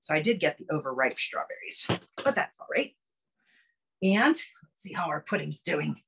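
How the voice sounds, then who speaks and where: A woman's voice: sits low, sing-song, moderate pace, creaky, fairly bright tone, a little hiss or hum. A middle-aged woman giving a chatty, upbeat cooking demonstration from her home kitchen, explaining each step. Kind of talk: casual cooking demo on a video call. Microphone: phone camera close up.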